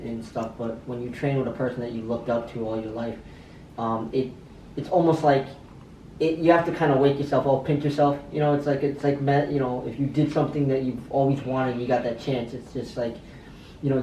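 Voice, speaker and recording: A man, a fighter in training, giving casual interview answers in a halting way, often repeating his words. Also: medium pitch, dark tone, recorded from a distance. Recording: echoey room, off-mic, faint background noise.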